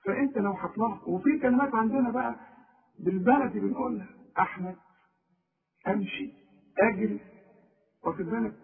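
Egyptian male teacher, high voice, drills examples and quizzes the listener, phone-thin sound. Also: a little fast, gravelly, pauses often. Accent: Egyptian Arabic. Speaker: Quran recitation teacher. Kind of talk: informal spoken lesson. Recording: tinny phone-like recording.

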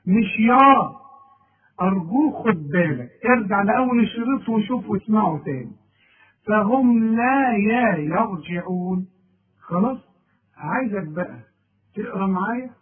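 A man with an Egyptian accent teaching Quran recitation, patiently repeating verses and correcting pronunciation. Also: sits high. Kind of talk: tajweed lesson with recitation. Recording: tinny lo-fi tape recording.

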